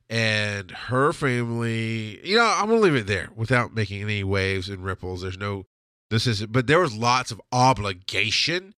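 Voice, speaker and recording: A podcast host with a sharp, mid-range voice delivers a casual storytelling monologue from his home studio. The long personal tale wanders and is full of swearing, with frequent laughter and a stuffy nose. The recording has no room sound.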